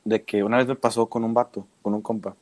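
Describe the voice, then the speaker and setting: A young man with a Mexican Spanish accent tells slangy, animated stories in casual chat, often breaking into laughter. His voice is lowish and quick, captured in a dry recording.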